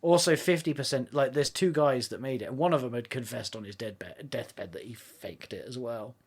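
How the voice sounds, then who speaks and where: A young man trades jokes on a relaxed podcast, his mid-range voice laughing easily as he waves off anything fanciful. He keeps things brisk and playful, poking fun at his co-host's wilder ideas. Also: medium pitch, breathy edge. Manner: playful, skeptical, quick to joke. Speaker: podcast co-host. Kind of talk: casual chat.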